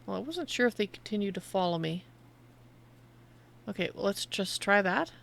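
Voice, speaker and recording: A woman's voice: medium pitch, animated, normal speed, gravelly, fairly bright tone. A woman streaming a game, giving casual live commentary and often muttering to herself.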